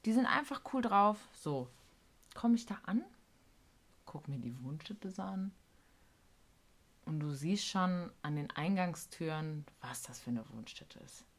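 Lebhaft erzählende Frau mit tiefer Stimme. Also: female voice, low voice, takes it slowly, long pauses. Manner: animated storytelling, acting out quotes, slangy. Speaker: podcast co-host, care worker. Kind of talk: casual podcast chat.

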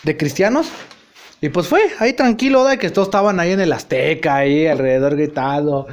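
A man's voice: fairly high pitch, fairly quick. A man, hosting a podcast and telling rambling stories full of crude slang. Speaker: podcast host. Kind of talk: casual storytelling monologue.

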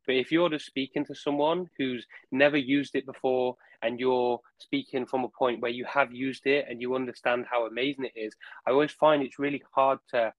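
A man's voice: mid-range voice, steady tone, normal speed, no echo, poor audio. Male guest, casual and rambling, repeats himself while finding words, dry sound. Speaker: podcast guest, project representative. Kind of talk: casual conversational recounting.

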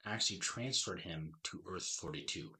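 A man's voice: low-pitched, moderate pace, sharp tone. A man in his thirties hosting a casual movie review chat, talking eagerly in a rambling way with frequent restarts. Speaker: podcast host.

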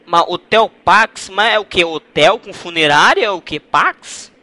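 A man's voice: high-pitched, normal speed, bright, forceful tone, dry recording. A man making a prank phone call, teasing the person on the line in a playful, mock-innocent way. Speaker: prank caller.

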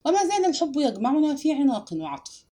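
A woman narrating a literary audiobook with expressive, dramatic storytelling. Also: high voice, fast talker.

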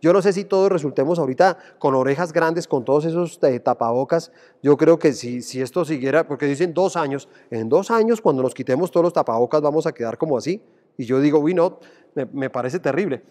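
A man's voice: a little high, fast talker, a little mellow, long reverb tail. A man preaching a sermon as pastor, addressing listeners directly and acting out quoted voices.

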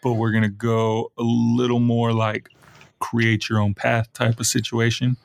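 A man co-hosting a podcast, rambling casually among friends as he pitches an idea. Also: monotone, measured pace, gravelly, no echo. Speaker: podcast co-host. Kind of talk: casual chat.

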